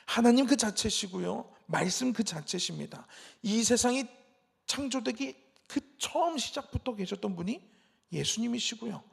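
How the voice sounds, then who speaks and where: A man preaches an evening sermon with a lot of emphasis, often slipping into quoted voices to act out the people's grumbling. His voice sits high for a man and carries a gravelly edge. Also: lively intonation, normal speed. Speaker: pastor.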